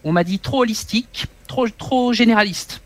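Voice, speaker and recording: A man in his forties, a guest author, telling a personal story in an interview in an animated, halting way, often repeating his words. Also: high voice, no echo.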